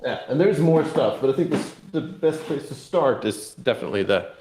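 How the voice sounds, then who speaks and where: A game publisher representative, interviewed casually, explains a tabletop game in a rambling, explanatory way, hedging with "kind of." His mid-range voice is expressive and darkish at a moderate pace, and the recording sounds roomy and echoey.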